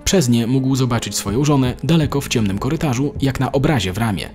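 A man narrating an animated story in a steady, measured manner. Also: medium pitch, faint music behind. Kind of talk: scripted narration.

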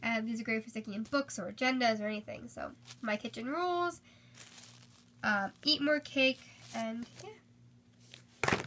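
Slightly congested from a cold, a young haul vlogger chats at home about items spread on her bed, recording on a handheld phone. Her voice is a little high and fairly bright, measured with frequent pauses, and she stays chatty and upbeat with many fillers; a faint hiss or hum is present.

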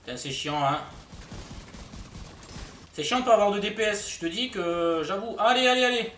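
High-voiced man streaming a game. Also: animated, moderate pace, bright, forceful tone, roomy sound, recorded from a distance, slight background noise. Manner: joking, mock-outraged banter with chat. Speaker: streamer playing a shooter game. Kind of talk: casual live-stream commentary.

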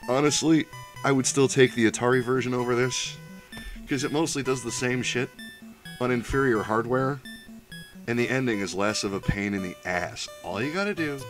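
A man in his thirties giving sarcastic, profane game commentary with a sick, rough voice. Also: fairly low pitch, fairly bright tone. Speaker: let's play commentator. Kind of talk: gameplay commentary.

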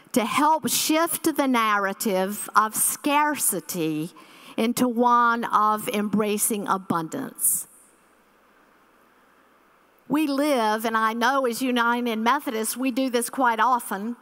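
Slow, bright-voiced woman preaching a keynote. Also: fairly high pitch. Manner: earnest, preacher-like, repeats key phrases. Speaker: keynote speaker. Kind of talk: church conference keynote address. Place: large conference hall stage at a podium. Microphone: podium microphone.

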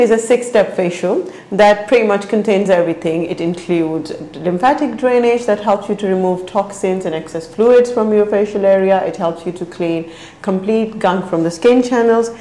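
A woman in her thirties, a clinic practitioner, explaining a facial treatment to camera on a lapel mic in a bright clinic room. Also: mid-range voice, echoey room, low-quality recording. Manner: fluent, explanatory, fond of "basically".

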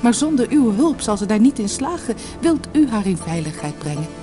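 A woman voicing a gentle queen who speaks softly and with hushed dignity, from a storybook recording. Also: on the high side, big pitch swings, normal speed, over music, pitched above the performer's own voice. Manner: soft, hushed. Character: regal queen, gentle and soft-spoken.

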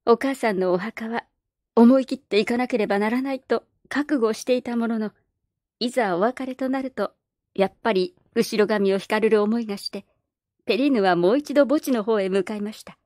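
Calm woman reading a novel aloud. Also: fairly high pitch, brisk, dry recording, studio quality. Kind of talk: scripted storybook narration.

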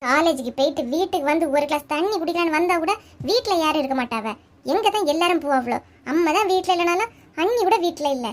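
A sulky, snappish college girl in a cartoon comedy, as a woman voices her, with a Kanyakumari Tamil accent. She grumbles and snaps sarcastically in a high voice. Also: animated, fast. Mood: grumbling. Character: grumpy college girl bickering with her sister.

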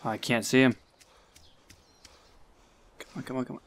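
A young man commenting live on his gameplay, talking to himself and getting excited. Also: medium pitch, a little slow, background noise. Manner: excitable, talks to himself, swears and laughs.

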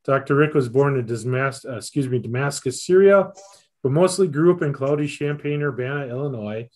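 A man's voice: medium pitch, lively intonation, a little fast, darkish tone. A middle-aged man introducing a speaker on a video call from a small office, reading a bio with small slips and fillers. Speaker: event host. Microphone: video call webcam.

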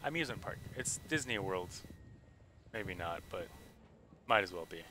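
A man's voice: sits low, expressive, normal speed, pushed and bright, a little hiss or hum. A man streaming a video game live, chatting casually and thinking aloud with lots of fillers. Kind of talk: casual live gameplay commentary.

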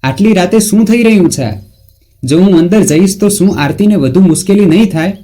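A man's voice: high-pitched, brisk, pitched above the performer's own voice. A man doing a worried older mother-in-law. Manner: soft questioning, turning stern.

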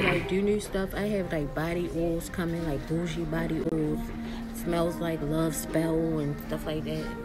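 Laughing young woman vlogging over music. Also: sits low. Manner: loose, laughing, swears freely, talks to camera. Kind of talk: casual vlog chat. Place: restaurant, then car.

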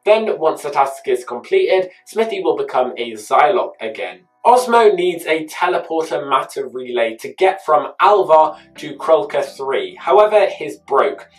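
A chatty YouTube host with a middling-pitched voice narrates a scripted episode recap, tossing in personal asides. He is very animated, a little slow, and barely pauses, recorded from a distance with faint music beneath.

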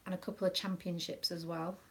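A woman's voice: lowish voice, flat delivery, fairly quick, creaky, fairly bright tone. A British woman, a proud mother, chatting casually on a live stream with a rambling, um-filled manner. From United Kingdom. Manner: chatty, rambling, with many ums. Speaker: craft live-streamer and dance mum.

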